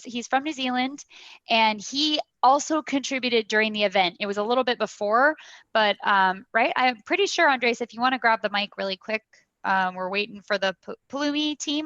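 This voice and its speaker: A woman hosting an online event over a video call, chatty and upbeat, talking in quick restarts. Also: on the high side, fairly bright tone, no echo, dull audio. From United States. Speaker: event host. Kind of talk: casual video call chat.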